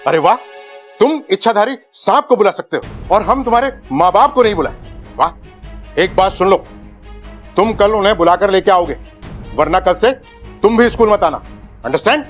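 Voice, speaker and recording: Scolding school principal, high voice for a man, TV drama. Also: animated, normal speed, pauses often. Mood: stern. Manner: scolding, sarcastic. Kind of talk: TV serial acting. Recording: music playing behind.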